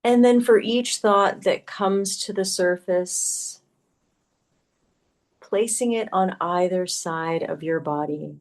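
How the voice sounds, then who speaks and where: With a lowish voice, a female yoga instructor leads a guided meditation. She gives gentle, calming instructions and lets long silences fall between her phrases.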